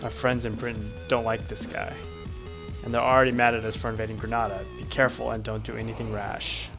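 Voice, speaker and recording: A man reading a cautious middle-aged president from a video game in a lowered, quieter voice. He lectures warily. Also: flat delivery, brisk, music in the background, lightly acted. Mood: wary.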